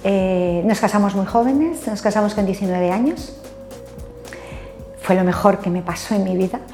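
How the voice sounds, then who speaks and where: Older spanish lady sharing her faith story, halting, lots of "eh", echoey room. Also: mid-range voice, darkish tone, soft background music. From Spain. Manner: hesitant, many fillers and tag questions. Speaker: interview guest. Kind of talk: personal faith testimony.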